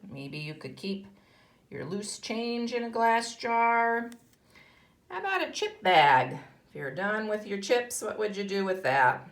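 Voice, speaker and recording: With an expressive, unhurried, mid-range voice, an American woman teaches young children. As a kindergarten teacher doing a read-aloud lesson, she instructs by raising questions and then answering them on her own.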